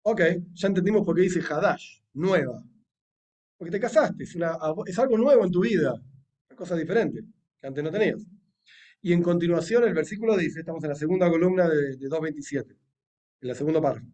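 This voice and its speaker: Argentine man, rabbi giving a casual Torah lesson; slightly high voice, chatty and wry, recorded a bit off-mic. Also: lively intonation, brisk, darkish tone, distant mic. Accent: Argentine Spanish. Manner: chatty and joking, with wry asides. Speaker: rabbi teaching a Torah class.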